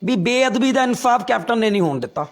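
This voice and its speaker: A man interviewing a politician, pressing him with calm, polite questions. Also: very high voice, fast.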